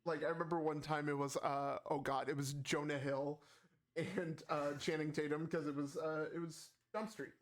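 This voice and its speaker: Guy rambling about games on a podcast, kinda higher voice, lots of likes and ums. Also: flat delivery, moderate pace. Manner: rambling, many fillers and restarts. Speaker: podcast co-host. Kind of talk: casual gaming chat.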